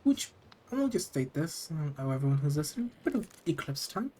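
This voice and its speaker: A storyteller reading horror stories aloud as host, with casual asides and hushed, dramatic pauses. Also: mid-range voice, big pitch swings, slightly rough. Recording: noticeable background noise.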